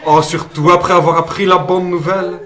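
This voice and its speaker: A man's voice: high-pitched, level tone, fairly quick, a bit bright. A man voicing a friendly male guardian angel with a Brussels accent, homely and fond of saying "une fois" and "hein". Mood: kindly. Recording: roomy sound, mic at a distance.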